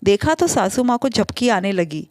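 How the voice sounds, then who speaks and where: A woman's voice: medium pitch, very animated, moderate pace, a little mellow, no room sound, studio quality. A woman telling a family story in the first person, in a conversational way with small slips.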